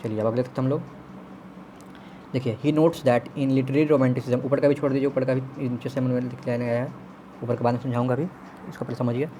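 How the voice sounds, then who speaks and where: A man teaching literary theory, reading English lines slowly and then explaining them quickly in Hindi, often checking in with his students. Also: mid-range voice, steady tone, mellow, a little hiss or hum. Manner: frequent check-ins and self-corrections.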